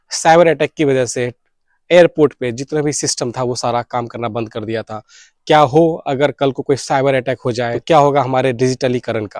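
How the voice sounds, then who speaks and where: An Indian man, a YouTube host and radio enthusiast, makes an earnest campaign appeal on video in Hindi mixed with English words. His mid-range voice is a little mellow, recorded cleanly in a studio with no echo.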